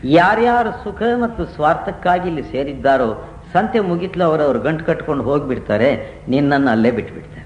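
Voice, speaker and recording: A man preaches to a gathering, his voice sitting a touch higher than most men's. He teaches through stories and rhetorical questions. The old recording is roomy, with a faint hiss underneath. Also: animated, a little fast. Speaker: spiritual teacher. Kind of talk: devotional discourse to a gathering.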